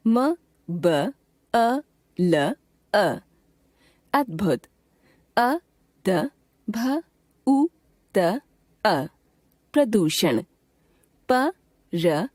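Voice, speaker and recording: A woman reading a grammar lesson aloud, sounding out each letter slowly and deliberately. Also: medium pitch, a little mellow, dry recording, clean studio sound. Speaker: grammar teacher. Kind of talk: scripted textbook narration.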